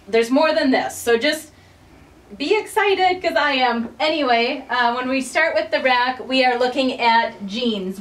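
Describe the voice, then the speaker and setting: Upbeat woman pitching a boutique sale. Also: a bit bright, far from the mic. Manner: upbeat and chatty, addresses viewers directly. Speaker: boutique owner presenting a sale. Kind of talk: casual promotional talk. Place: inside a clothing boutique.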